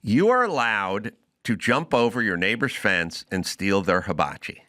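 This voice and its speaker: A man's voice: fairly low pitch, animated, a little slow, pushed and bright. A middle-aged man hosting a podcast, delivering an opinionated comedic rant and acting out both sides of imagined exchanges. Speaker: podcast host.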